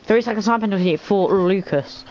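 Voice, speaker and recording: A man giving casual lead commentary on an online racing league, sometimes halting as he thinks aloud between calls. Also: high voice, a little mellow, poor audio. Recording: faint background noise.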